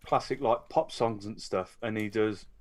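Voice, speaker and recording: A man's voice: fairly low pitch, normal speed. A man who works as a radio DJ, chatting about his playlists in a hesitant way, full of fillers and restarts. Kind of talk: casual live radio chat.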